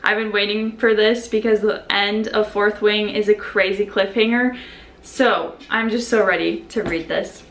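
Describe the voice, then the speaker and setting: A young woman chatting casually at home in a vlog, gushing and excitable. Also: mid-range voice, measured pace, a little hiss or hum. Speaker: book vlogger.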